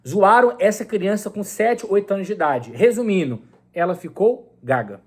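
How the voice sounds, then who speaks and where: Brief: young Brazilian man, speech coach, high-pitched voice, earnest and repetitive to-camera talk. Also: animated, normal speed, a little mellow. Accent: Brazilian Portuguese. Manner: earnest, repetitive, addresses viewers as "gente".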